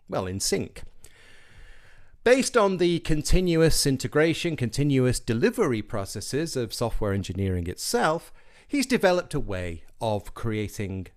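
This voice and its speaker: A man hosting an online event, introducing the next speaker over a video call. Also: mid-range voice. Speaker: event host.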